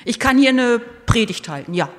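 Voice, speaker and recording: A woman's voice: a little high, lively intonation, normal speed. A woman pastor preaching an impassioned sermon with emphatic appeals, in a church. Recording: long reverb of a church.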